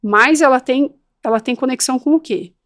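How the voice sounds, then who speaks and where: A woman speaks as a podcast guest with a fairly high voice. Her delivery is firm, direct and expressive, and she slips into quick voices for parents and children. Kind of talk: conversational podcast interview.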